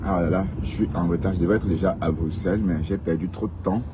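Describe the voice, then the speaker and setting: A man's voice: deep voice, fairly even intonation, fast talker. Teasing man live-streaming from a noisy street. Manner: teasing, joking, repeats words and tags with "hein". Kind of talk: casual live-stream chat to viewers. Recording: outdoor mic with loud street noise. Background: passing cars and street noise.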